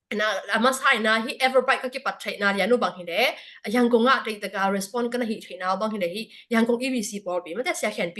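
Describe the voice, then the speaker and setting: A woman's voice: fairly high pitch, fairly bright tone. A woman speaking at a church prayer fellowship service, giving a spoken report to the congregation with frequent hesitation fillers.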